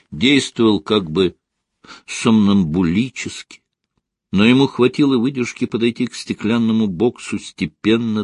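A man narrating an audiobook in a measured, even storytelling manner. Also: mid-range voice, no room sound, clean studio sound. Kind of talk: scripted narration.

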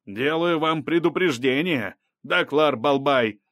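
A stern woman judge who thunders her reprimands, as a male narrator plays her, pitched above his own voice. Her commands boom out in a dry, close storybook reading. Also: slow pace, a bit bright, dry recording. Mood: commanding.

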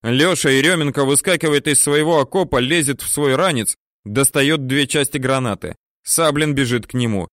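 A man narrating a war story audiobook in a steady, measured, terse manner. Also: mid-range voice, no echo, clean studio sound.

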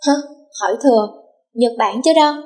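A woman's voice: a little high, a little fast, warm tone, soft background music, close to an everyday voice. A woman voicing a young woman's sassy, blunt best friend on the phone in an audiobook. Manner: brash and sulky.

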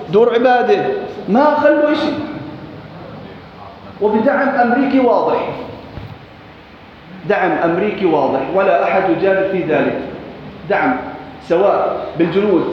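A man's voice: high voice, slight background noise. A man preaching a sermon in a Levantine Arabic accent, impassioned and emphatic, repeating phrases and swearing oaths to drive his points home. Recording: echoey hall, dull lo-fi recording.

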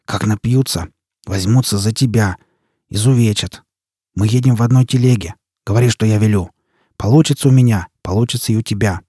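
A man's voice: a little fast, mellow, breathy edge, no echo, clean studio sound. A man voicing a cunning male prisoner who hisses urgent orders under his breath. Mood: hissing. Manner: hissing, low, urgent.

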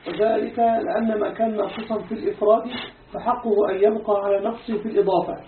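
High-pitched male student reader, quick, echoey room over a phone-like line. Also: fairly even intonation, slight background noise. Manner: brief affirmations between readings. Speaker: student reading the text aloud. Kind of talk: reading a classical grammar text in class.

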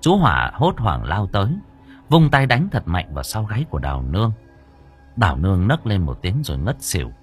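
Husky, animated male storyteller. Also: sits low, a little fast. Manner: dramatic, animated reading. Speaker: audiobook narrator. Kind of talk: scripted story narration. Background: faint music.

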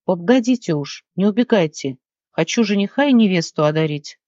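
A reader voicing a kindly, motherly high fairy who grumbles fondly at young people in a fantasy audiobook, recorded dry and somewhat dull. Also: expressive, brisk, dry recording, lightly acted. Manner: grumbling but warm, calls others "child". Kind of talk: audiobook character reading.

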